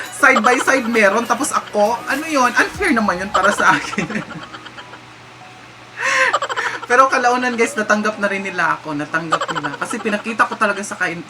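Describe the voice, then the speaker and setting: A man with a Visayan accent chatting casually through a vlog Q&A, giggly and slipping English phrases into his talk. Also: sits high. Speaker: vlogger. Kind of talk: casual Q&A chat. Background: background music.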